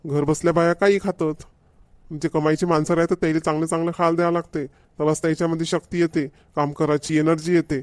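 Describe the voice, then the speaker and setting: A man voices a grumbling, demanding village husband in a comedy cartoon, nagging and repeating himself with a Varhadi Marathi accent from Vidarbha. He sounds indignant and bossy, speaking fast at a fairly high pitch with a level tone. The voice is natural, with no room sound.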